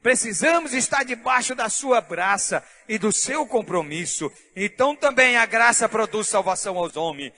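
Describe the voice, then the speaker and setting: A man preaching a sermon as pastor, fervent, with shouted and half-sung phrases, in a church. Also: sits high, animated, moderate pace, few pauses, long reverb tail.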